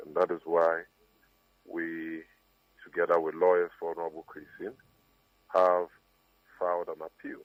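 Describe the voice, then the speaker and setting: A deep-voiced man speaks slowly and emphatically, pausing between phrases. His voice arrives through a fuzzy, distorted phone line that sounds thin and tinny. The sound is dry, with no room around it. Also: dry recording. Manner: measured, emphatic denial with pauses. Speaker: party communications officer.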